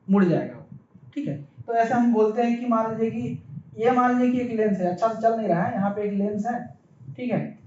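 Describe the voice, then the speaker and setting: A man's voice: high-pitched, darkish tone. A man teaching a physics lesson in speech, explaining step by step and often checking in with the class. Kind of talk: classroom lecture. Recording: echoey, dull, faint background noise.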